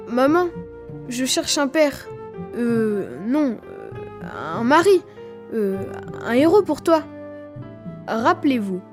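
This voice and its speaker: A woman's voice: a little high, a little mellow. A woman reading a children's story aloud for language learners, telling it expressively in the voice of a twelve-year-old boy. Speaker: reader.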